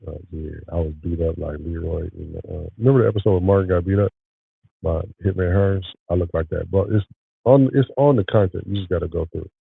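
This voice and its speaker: A very deep-voiced man with a gravelly, husky edge, congested and nasal with a scratchy morning rasp. He talks candidly and rambles through stories in casual podcast chat. The sound is thin and tinny like a phone line, with a dry, close feel. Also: quick pace, dry recording. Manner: candid, rambling, animated storyteller. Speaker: podcast host and content creator.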